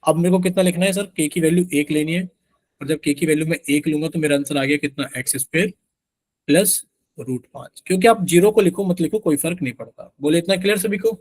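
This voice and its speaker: A man's voice: on the high side, quick pace, darkish tone, dry recording. A young man teaching math in a live online class, constantly quizzing students and voicing their answers for them. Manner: asks students questions constantly, voices their replies as "sir".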